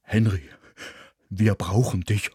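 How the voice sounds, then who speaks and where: A man's voice: fairly low pitch, steady tone, takes it slowly, a little mellow, slightly rough, no room sound, studio quality, exaggerated voice. A man voicing a male dog who speaks earnestly and insistently. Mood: urgent.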